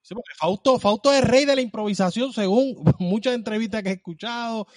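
Man, podcast host, high voice, chatty, playful, dry close sound. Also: fairly quick, no echo. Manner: chatty, playful, asks questions. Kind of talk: podcast interview chat.

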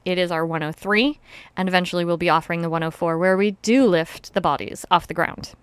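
A woman's voice: on the low side, steady tone, brisk, smooth, dry recording. A woman hosting a casual podcast who teaches rope classes, explaining step by step and laughing easily. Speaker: podcast host and rope bondage instructor.

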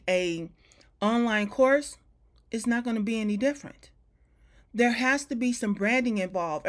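A woman with a slow drawl, talking casually as a podcast host in a folksy, blunt, emphatic and freely swearing way. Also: on the high side. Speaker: podcast host, brand strategist. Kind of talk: casual solo podcast talk.

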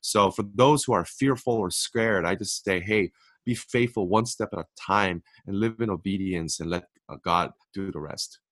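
A young Korean-native man speaks in a low, slightly bright voice at a moderate pace, with no room sound. He's an author appearing as a guest on a faith-based podcast, talking earnestly and repeating or restarting words when he gets emphatic.

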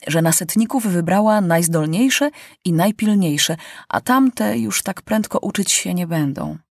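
A storybook narrator reading at an unhurried, careful pace, with a dry, close sound and a middle-range voice. The delivery is measured and expressive, giving weight to every sentence. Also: mid-range voice, vocal fry, no echo. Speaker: audiobook narrator.

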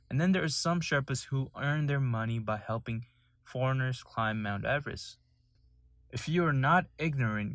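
A man's voice: medium pitch, fairly bright tone, dry recording. A young man from Nepal hosting a solo podcast, telling his story in an earnest, sometimes indignant way. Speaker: podcast host.

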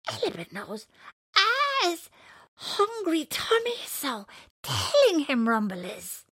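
A woman voicing a scraggy little male bird who speaks in broken, jumbled grammar, slow and coaxing. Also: sits high, wildly swooping pitch, fairly bright tone, no echo, clean studio sound, pitched above the performer's own voice, heavily acted. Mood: puzzled.

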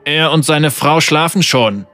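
A man voicing a deceitful rider who answers loudly and smoothly with a false calm, read as a story. The sound is dry, with faint music. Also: on the high side, a little slow, dry recording. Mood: feigned calm.

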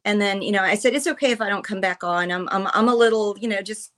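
A woman in her fifties, a military veteran guest on a podcast, telling personal stories in an earnest, emotional, halting way. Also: mid-range voice, fairly bright tone. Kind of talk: personal storytelling in conversation.

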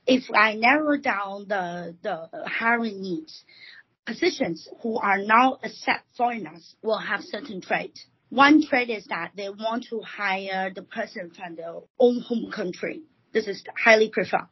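Husky woman from Taiwan, lo-fi podcast. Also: mid-range voice. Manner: measured, explanatory, with frequent fillers. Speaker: recruiting consultant guest. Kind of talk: podcast interview. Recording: dull lo-fi podcast audio.

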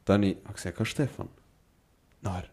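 A young man with a Swiss German accent telling stories in casual podcast chat, slangy and quick to laugh. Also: low-pitched, breathy edge. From Switzerland. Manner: lively storyteller, slangy, laughs often. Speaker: podcast co-host.

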